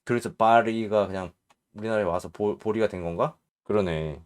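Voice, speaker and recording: A man teaching English spelling in Korean, slowly spelling out letters and repeating each sound patiently. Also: on the low side, no room sound. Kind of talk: casual spelling lesson.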